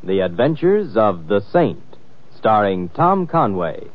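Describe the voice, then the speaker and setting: A man's voice: fairly low pitch, big pitch swings, slow pace. A man announcing a 1950s radio drama in a grand, dramatic style. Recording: muffled old radio recording, loud music.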